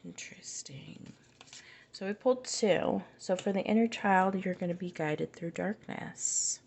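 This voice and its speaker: A woman's voice: medium pitch, unhurried, creaky, darkish tone, slight background noise. A woman giving a casual tarot reading, musing aloud in a conversational way and often restarting her phrases. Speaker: tarot reader.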